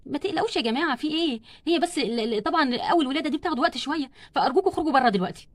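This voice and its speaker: Brief: woman voicing no-nonsense doctor doll, Egyptian accent, rapid high firm delivery. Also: expressive. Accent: Egyptian Arabic. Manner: firm, shooing people out.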